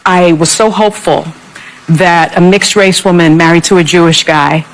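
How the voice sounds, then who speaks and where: A woman gives calm, measured commentary. Her voice sits slightly low. She pauses to think between phrases. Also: rough recording.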